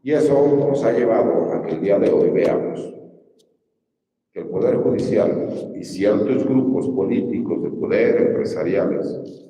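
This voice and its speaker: A man's voice: on the low side, measured pace, mellow, dull audio. A Mexican man giving an emphatic campaign speech as a judicial candidate, often putting rhetorical questions to his listeners. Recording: distant mic in a reverberant hall.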